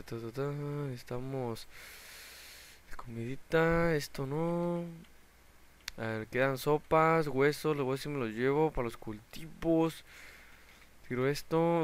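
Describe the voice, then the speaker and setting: A young man giving excitable let's play gameplay commentary, shouting in panic when danger pops up. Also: medium pitch, smooth. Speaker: gaming channel host.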